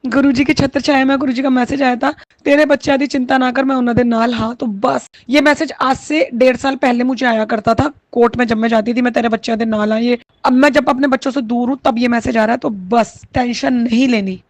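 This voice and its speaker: A woman's voice: on the high side, steady tone, a little fast, hardly any pauses, dry recording. A woman, sharing a heartfelt, tearful devotional testimony. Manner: tearful, heartfelt, mixes Hindi with Punjabi and English words.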